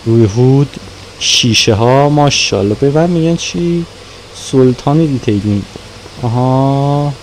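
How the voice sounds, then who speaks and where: A man's voice: mid-range voice, animated, darkish tone, a little hiss or hum, rough recording. A young man giving casual, playful commentary while playing a car-washing game, talking to himself as he goes. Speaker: gaming YouTuber.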